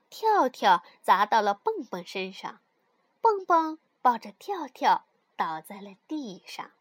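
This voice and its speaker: A woman reads a bedtime story to children, slowly and soothingly. Her high voice rises and falls with a lot of expression. The sound is dry and close to the mic. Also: dry recording. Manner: slow, soothing, expressive reading.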